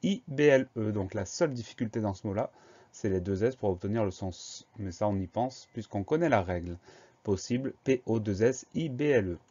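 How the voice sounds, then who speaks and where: Un homme enseignant l'orthographe avec un accent français, qui épelle les mots lettre par lettre, de façon lente et patiente. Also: male voice, on the low side, lively intonation, dark tone, highs cut off. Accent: French. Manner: slow, patient, spells letters one by one. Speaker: teacher. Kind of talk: spelling lesson, dictation.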